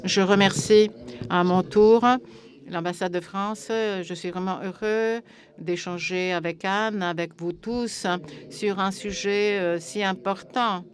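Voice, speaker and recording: A woman's voice: medium pitch, steady tone, slow. A woman interpreting a debate speech live, putting a panel speaker's remarks into words as they come.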